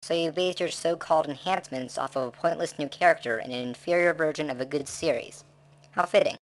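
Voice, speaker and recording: A man's voice: on the high side, a little fast, slight background noise, close to an everyday voice. A man voicing a laid-back male alien who gave up conquering, talking casually and sarcastically. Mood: sarcastic.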